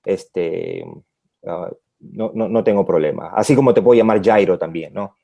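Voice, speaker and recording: Middle-aged man, pastor guest on radio, low mellow voice, halting delivery full of fillers. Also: creaky, highs cut off. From Peru. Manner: hesitant, many fillers and restarts. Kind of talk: radio interview conversation.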